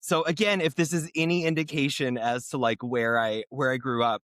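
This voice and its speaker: A man's voice: normal speed, dry recording, clean studio sound. A man from Nebraska co-hosting a podcast, telling funny family stories in a casual, giggly way. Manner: animated, giggly storyteller who jumps high when excited. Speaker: podcast co-host. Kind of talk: casual storytelling chat.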